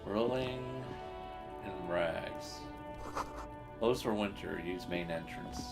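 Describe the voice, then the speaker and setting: A man's voice: deep voice, slow, vocal fry, over loud music. A man in casual let's-play commentary, laid-back, joking and swearing as he plays. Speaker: gamer playing a video game.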